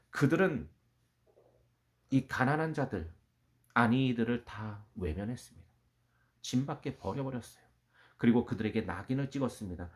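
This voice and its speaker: Male pastor mid-sermon, dynamic delivery: whispered low lines, then big rising proclamations. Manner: swings from hushed, near-whispered lines to loud, rising declarations. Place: church.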